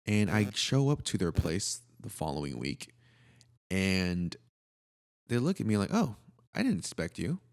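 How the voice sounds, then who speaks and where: With big swings in pitch and a somewhat slow delivery, a deep-voiced man jokes around as a podcast co-host. The chat is casual, and his style is easygoing and full of slang.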